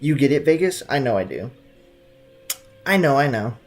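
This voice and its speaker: A young man live streams a video game, chatting casually and playfully with viewers in loose slang while game music plays. His voice is medium-pitched and sing-song, at a moderate pace.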